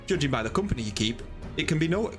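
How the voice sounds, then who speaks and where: A man's voice: fairly high pitch, expressive, quick pace, faint music behind, lightly acted. Stately knight commander, as a man reads him. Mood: formal. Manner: formal, stately. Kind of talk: reading game dialogue aloud.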